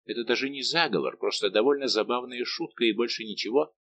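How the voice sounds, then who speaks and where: A proud young king speaks with cold, bitter sarcasm in a storybook reading, as a male narrator plays him. His voice sits at a middle pitch, and a faint hum lingers in the background. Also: fast talker, fairly bright tone, close to an everyday voice.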